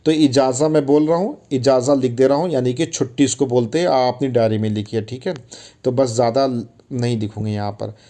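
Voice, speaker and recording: A man's voice: mid-range voice, fairly quick, dark tone. A man teaching Arabic words in a casual, chatty way, often calling listeners brother and repeating each word for drilling. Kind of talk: casual spoken language lesson.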